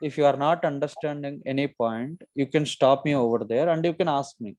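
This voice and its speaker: Mellow Telugu-accented man teaching. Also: a little high, quick pace, no room sound. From Telugu-speaking region of India. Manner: instructive, often checking with "okay". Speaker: software trainer. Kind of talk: live online lesson, explaining informally.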